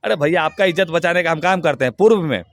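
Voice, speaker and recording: A man rants in an interview, his voice pitched a little high. He speaks with heated, crude emphasis, close and dry on the mic with no room sound. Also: fast, no echo. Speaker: interview guest.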